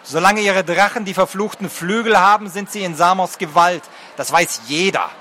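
A man voicing a gruff, stern village father in a fantasy audiobook, talking bluntly and proudly. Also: high-pitched, moderate pace, sharp tone, a little hiss or hum.

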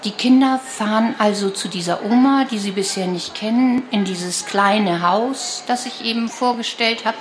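A woman reading a children's book aloud, telling the story in a calm, clear way. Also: medium pitch, normal speed, hardly any pauses, background noise. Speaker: reader.

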